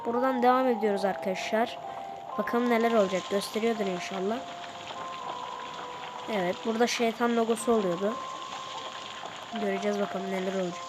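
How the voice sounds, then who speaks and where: Chatty woman gamer, a bit under the weather. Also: medium pitch. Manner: chatty, talks to viewers while playing. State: slightly ill. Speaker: gaming YouTuber. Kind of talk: casual gameplay commentary.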